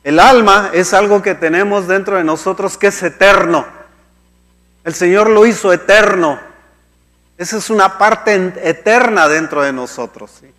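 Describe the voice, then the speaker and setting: A man's voice: high-pitched, normal speed, a bit bright. A male pastor preaching a sermon in a conversational way. He often restarts his sentences and checks in with the congregation. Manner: conversational, many restarts and "¿sí?" checks, acts out quoted complaints. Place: church hall. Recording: church hall reverb.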